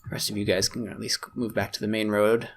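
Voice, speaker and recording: Gravelly man casually commentating a game. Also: fairly low pitch, flat delivery, fast talker, fairly bright tone, slight background noise. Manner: chatty, self-mocking, thinking aloud. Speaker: gaming YouTuber. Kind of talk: casual let's-play commentary.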